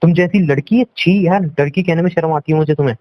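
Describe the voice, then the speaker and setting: A young man with a slightly high voice talks fast on a phone call, with no echo. He argues heatedly about a relationship in casual Hindi-English, scolding, accusing and repeating himself. The call recording sounds dull and lo-fi.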